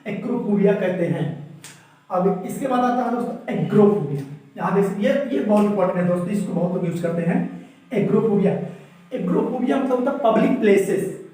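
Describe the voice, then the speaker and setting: A high-pitched man teaches a vocabulary lesson in a strongly echoing room. He explains each word, then asks the viewer to repeat it back. He sits well away from the mic. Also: expressive, a little fast, mellow. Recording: echoey room, mic far off.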